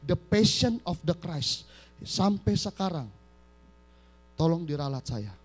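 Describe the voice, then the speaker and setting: A man's voice: high voice, a little mellow. A male pastor preaching a live church sermon, emphatic and constantly addressing his congregation as brothers and sisters. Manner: acts out quoted voices. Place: church service.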